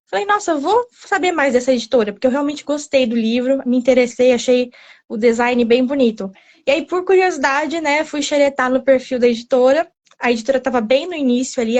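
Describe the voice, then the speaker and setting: A young woman in her twenties, an author being interviewed, telling her story in a chatty, animated way and often quoting her own thoughts. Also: high-pitched. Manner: chatty, animated, tells the story with quoted self-talk and frequent "né?".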